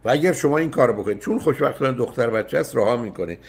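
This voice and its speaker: A man's voice: mid-range voice, animated, vocal fry, a little mellow, breathy edge. An older man hosting a call-in advice show, emphatic and often cutting in with repeated no's. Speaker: radio psychologist host.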